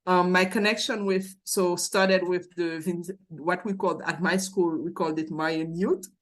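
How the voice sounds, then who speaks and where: A woman in her forties with a Haitian accent and a fairly low voice speaks as a guest in an interview. She is earnest and reflective, restarting her sentences now and then as she recalls her past. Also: fairly even intonation, moderate pace. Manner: earnest, thoughtful, with frequent restarts.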